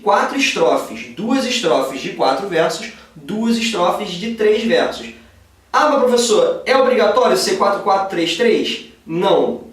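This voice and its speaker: A man's voice: sits high, a bit bright, far from the mic. A man with a Brazilian accent gives a casual video lesson on literature, often checking in with his students. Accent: Brazilian Portuguese. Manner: casual, addresses students as "gente" and "galera", often checks "beleza?". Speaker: literature teacher. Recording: very echoey room, voice off-mic.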